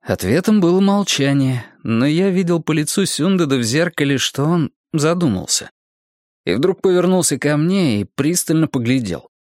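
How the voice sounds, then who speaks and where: Guy reading an audiobook, measured and wry, dead dry close sound. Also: a little high, lively intonation, darkish tone, dry recording. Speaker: audiobook narrator. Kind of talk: scripted narration.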